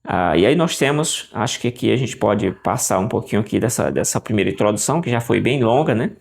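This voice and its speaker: A man teaching a casual Bible lesson, thinking aloud with restarts, often adding "né?" and sounding out Greek words slowly. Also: fairly low pitch, animated, vocal fry. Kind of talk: casual lesson walking through Greek text on screen.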